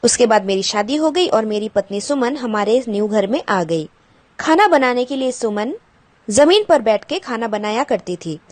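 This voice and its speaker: Lady teacher explaining a school chapter to kids, slightly high voice, stops to explain words and ask questions. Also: animated, normal speed. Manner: patient explaining, glosses English words, asks pupils questions. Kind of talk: explaining a textbook chapter to children.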